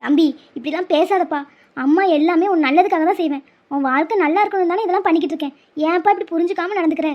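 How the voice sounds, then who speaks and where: A woman plays a stubborn, emotional, middle-aged cartoon mom, pleading melodramatically and laying on the guilt. She speaks very fast in a very high voice, and the recording is muffled and lo-fi.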